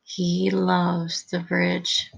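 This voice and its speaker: A woman teacher reading a picture book aloud with expressive delivery, pausing to comment for her listeners. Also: on the low side, creaky, slightly rough, poor audio.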